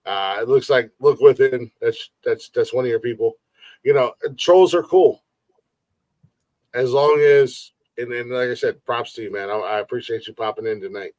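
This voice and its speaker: A man's voice: medium pitch, normal speed, darkish tone, dry recording. Forties guy hosting a podcast stream, rambly, repeats himself, cusses a lot, dry sound. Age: 40s. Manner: rambling, repeats words, swears freely. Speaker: podcast host. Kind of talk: casual live-stream chat.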